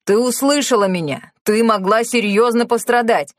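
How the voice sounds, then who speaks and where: A woman's voice: a little high, moderate pace, no echo, clean studio sound, pitched above the performer's own voice, close to an everyday voice. A woman reading a novel aloud, voicing a strict middle-aged father lecturing his daughter. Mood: stern. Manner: firm, lecturing.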